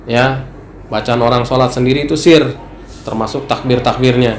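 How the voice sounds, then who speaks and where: A relaxed male religious teacher at a study session speaks in a mid-range voice, chatty and easygoing. He now and then mimics people asking him questions. The room sounds echoey, with a faint noise underneath. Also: mid-range voice, normal speed. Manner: relaxed, conversational, acts out questions from worshippers. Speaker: ustaz teaching Islamic law.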